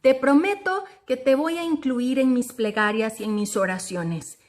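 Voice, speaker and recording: A woman voicing a gentle male priest who speaks in a soft, promising tone. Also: high voice, a little slow.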